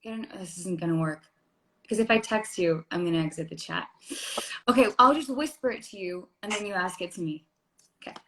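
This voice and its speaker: A woman, an actress, chatting earnestly on a phone livestream from a hotel room, quick to laugh. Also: on the low side, a bit bright, echoey room. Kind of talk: casual livestream chat.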